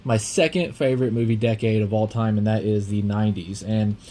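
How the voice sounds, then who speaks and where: A young man hosting a casual movie podcast, talking in a rambling, filler-heavy, excitable way, with a slight lisp from a dental aligner. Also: lowish voice, a little fast, slight background noise. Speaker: podcast host.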